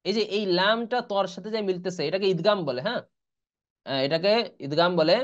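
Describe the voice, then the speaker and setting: A man teaches a Quran reading lesson in a somewhat high, clear and smooth voice. He calls out letters and vowel marks, then recites the joined words in a slow, stretched chant. The audio is a little muffled and lo-fi, like an online class recording. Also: animated. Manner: slow drawn-out recitation of joined words between quick explanations. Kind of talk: spelling out Arabic letters and vowels for students.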